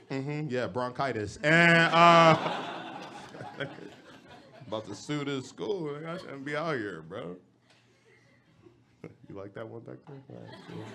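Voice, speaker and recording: A young man from Los Angeles works a club stage with stand-up comedy. His delivery is casual, slangy and deadpan, at a middle pitch. A faint hum of the room sits behind him. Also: a little slow, vocal fry, pauses often.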